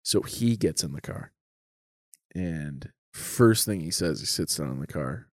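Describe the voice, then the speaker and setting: A man telling a personal story in casual chat, animated, with many "like"s and frequent laughs. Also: a bass voice, unhurried, dry recording, clean studio sound. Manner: animated, lots of "like", laughs often.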